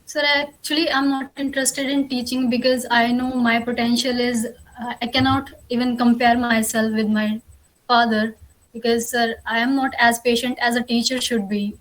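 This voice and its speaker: A woman's voice: a little high, level tone, moderate pace, rough recording. A young woman with a North Indian accent answers as an interview candidate, formal and deferential. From Karnal, Haryana, India. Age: young adult.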